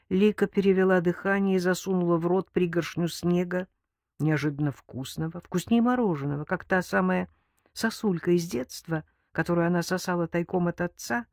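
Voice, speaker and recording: A woman narrating an audiobook in an even, measured reading. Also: lowish voice, no echo, clean studio sound. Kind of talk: scripted narration.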